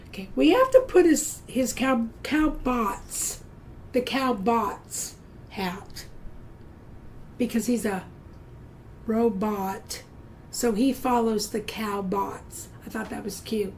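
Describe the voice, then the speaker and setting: Woman art teacher, high voice, slow and patient, encouraging, faint room hum. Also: warm tone, poor audio. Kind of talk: step-by-step drawing lesson for children.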